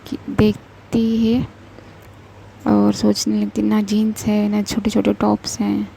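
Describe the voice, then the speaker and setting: A young adult woman narrating a love story slowly and deliberately, pausing often. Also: medium pitch, monotone, creaky, dark tone, slight background noise, low-quality recording. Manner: slow, deliberate, with pauses and restarts.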